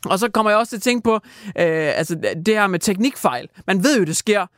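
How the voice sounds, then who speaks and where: A man's voice: high-pitched, fairly bright tone, no room sound, clean studio sound. A man hosting a satirical comedy radio segment, rambling mock-seriously with lots of fillers. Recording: music playing behind.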